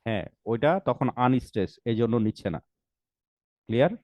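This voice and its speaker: A man leads a live online class, patiently sounding out words syllable by syllable. His voice sits at a mid pitch and is recorded close and dry, with no room echo, while he keeps tossing questions back to his students. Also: expressive, moderate pace, darkish tone. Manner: mixes English terms into Bengali speech. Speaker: English pronunciation teacher.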